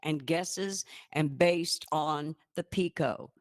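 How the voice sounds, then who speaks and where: A woman co-hosting a live-stream news show, reading items in a cheerful, measured way. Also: deep voice, dry recording, studio quality. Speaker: co-host.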